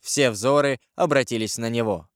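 A man reading a historical novel aloud as an expressive, measured audiobook narrator. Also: medium pitch, no echo, clean studio sound.

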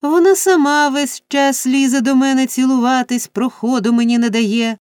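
A woman's voice: high voice, fairly even intonation, normal speed, a little mellow, clear, resonant tone, no room sound, studio quality, pitched above the performer's own voice, lightly acted. Woman doing a whining cowardly shop boy. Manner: whining, complaining, tattling.

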